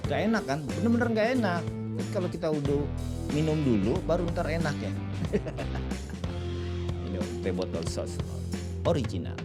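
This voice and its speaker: A man's voice: a little high, big pitch swings, moderate pace, pauses often, over loud music. A man chatting in a casual tutorial style, joking and laughing often while testing his microphone in a small home studio. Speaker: home recording vlogger. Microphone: condenser mic with plugins.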